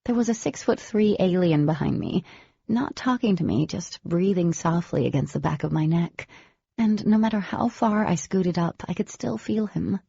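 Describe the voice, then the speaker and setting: A woman's voice: fairly low pitch, expressive, normal speed, creaky, dark tone, husky, no echo, lo-fi sound. A woman narrating a first-person novel as an audiobook, in a wry, conversational manner.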